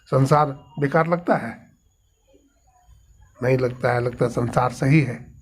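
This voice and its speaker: A man's voice: mid-range voice, unhurried, husky. A man giving a devotional sermon, asking rhetorical questions and answering them himself. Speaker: spiritual preacher.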